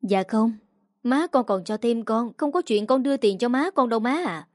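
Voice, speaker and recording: A woman's voice: a little high, lively intonation, moderate pace, a little mellow, no room sound, clean studio sound, natural voice. A woman voicing a timid young daughter-in-law, choked and pleading, in a read story.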